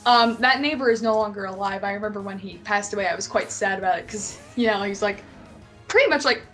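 A woman's voice: mid-range voice, quick pace, a bit bright. A woman from Maine chatting casually while gaming, rambling with lots of fillers, swearing freely and laughing often. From Maine, USA. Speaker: co-host of a gaming stream. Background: game music.

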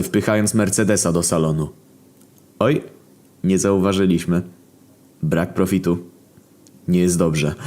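A man narrating a comic internet story in a deadpan, profane storytelling manner. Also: low voice. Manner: deadpan storytelling, heavy swearing.

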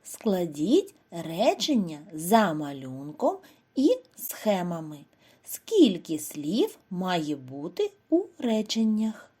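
A Ukrainian woman teacher giving a scripted lesson to young children, in a slow, clear, sing-song way. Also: on the low side, huge pitch swings, mellow. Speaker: primary school teacher.

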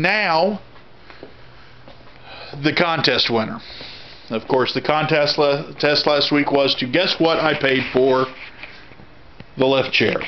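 His voice sits on the high side as this thirtysomething Texas reseller vlogger rambles through his auction haul, plainspoken and restarting often. It's a casual handheld video in an indoor storage room, recorded with dull lo-fi audio and clear noise.

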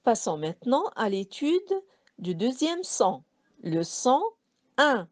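A woman with a Moroccan French accent teaches a phonics lesson to young pupils. Her slightly high voice rises and falls widely as she articulates each sound slowly and carefully, repeating it for emphasis. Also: very animated. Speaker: primary school teacher.

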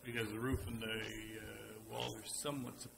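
A man's voice: on the low side, level tone, normal speed. A man on council making emphatic points and repeating words as he builds his argument. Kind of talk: meeting discussion. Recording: clear background noise from the room.

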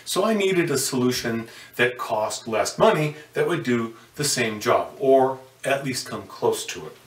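This older man's medium-pitched voice has lively intonation and a slightly slow pace as he demonstrates telescope mounts by hand. He's folksy, filling his talk with fillers and self-corrections, in an indoor room before a curtain, recorded with a roomy, slightly distant sound.

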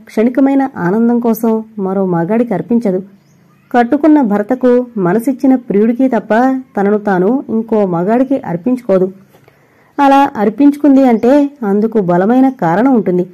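A woman narrating an audio novel in a steady, scripted storytelling reading. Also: fairly high pitch, highs cut off.

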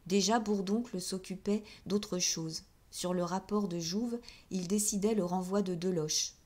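A woman's voice: medium pitch, steady tone, a little slow, a little mellow. Woman narrating a classic novel. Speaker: audiobook reader. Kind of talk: scripted audiobook narration.

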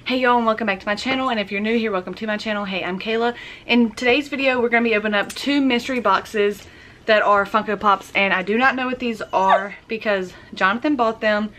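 A woman's voice: medium pitch, a little hiss or hum. Chatty woman unboxing. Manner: chatty and excitable, quick gasps of delight. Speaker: YouTuber. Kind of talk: casual unboxing vlog.

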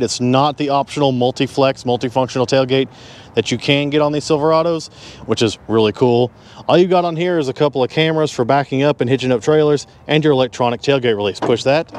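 A man giving a casual walkaround review of a pickup truck, talking in a folksy, conversational way as he points out features. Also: medium pitch. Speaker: car reviewer. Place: in and around a pickup truck at a dealership.

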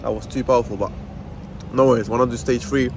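A man's voice: mid-range voice, fairly even intonation, quick pace. A man with a London roadman accent vlogging casually on a road trip, using heavy street slang and repeating short phrases for emphasis. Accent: London roadman, multicultural street slang. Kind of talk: casual road-trip vlog chat to viewers. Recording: noisy car and street ambience.

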